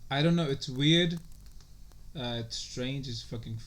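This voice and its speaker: Here a podcast co-host talks a little slowly in a mid-range voice, with slight hiss or hum on the recording. The conversation is loose and rambling, profane and crammed with "like" and "you know".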